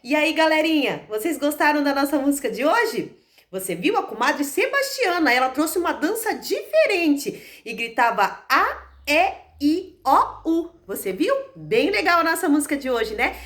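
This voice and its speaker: A woman teacher leading an online class for young children, talking slowly and in an exaggerated sing-song way. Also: sits high, very animated, a bit bright.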